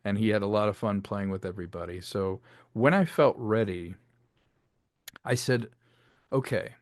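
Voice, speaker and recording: This interview guest, a man who makes films and audio dramas, has a lowish voice and talks at a normal speed. Captured in a dry recording, he spins loose, chatty stories about his creative projects, full of tangents.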